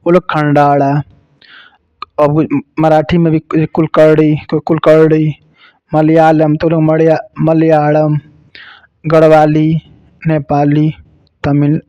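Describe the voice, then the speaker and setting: A man from Uttar Pradesh teaching a grammar lesson for exam preparation, explaining slowly, repeating sounds and adding jokes. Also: on the high side, warm tone, no room sound. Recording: dull lo-fi dry sound.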